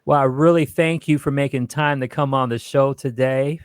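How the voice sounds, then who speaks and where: A man's voice: mid-range voice, fairly even intonation, normal speed, smooth, no echo, clean studio sound. A man hosting a radio interview show, upbeat and loose, with plenty of fillers.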